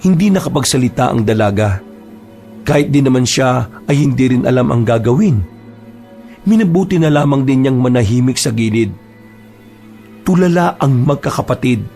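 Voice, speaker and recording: A man's voice: medium pitch, normal speed, gravelly, pauses often. Man narrating a horror story over music. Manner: steady storytelling.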